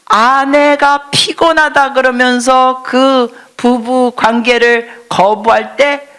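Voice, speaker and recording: A woman's voice: high-pitched, fairly even intonation, slow pace, fairly bright tone, clean tone. A woman missionary preaching a sermon in church, quizzing the congregation and dropping to a whisper for emphasis. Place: church service before a congregation.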